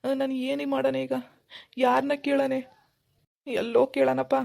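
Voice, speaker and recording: A woman's voice: a little high, flat delivery, fast, dark tone, no room sound, studio quality, lightly acted. A woman voicing a pleading village man. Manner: pleading, bewildered, keeps begging "sir". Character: anxious village man pawning his gold. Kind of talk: animated cartoon dialogue.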